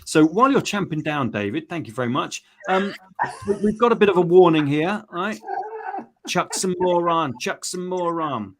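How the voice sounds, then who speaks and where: A man's voice: a little high, animated, normal speed. A man hosting a group challenge in casual chat, putting questions in a chummy, prompting way and repeating his phrases.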